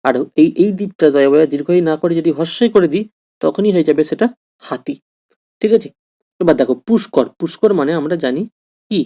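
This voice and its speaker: A man's voice: on the high side, animated, fairly quick, mellow. A man teaching an exam-prep grammar lesson, patient and repetitive, talking straight to his students and checking they follow. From West Bengal, India.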